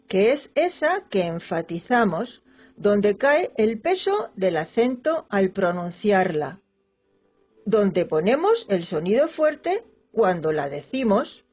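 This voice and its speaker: A woman with a Spanish accent teaching a poetry lesson to children, drawing out the example words in a slow, lilting voice. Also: medium pitch, slightly rough. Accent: Spanish from Spain. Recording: dull lo-fi sound with faint music.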